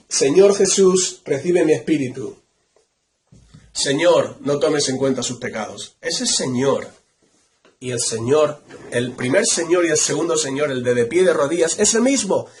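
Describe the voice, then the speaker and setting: Emphatic Spanish man teaching Bible study. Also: a little high. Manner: emphatic, repeats key points, reads verses aloud.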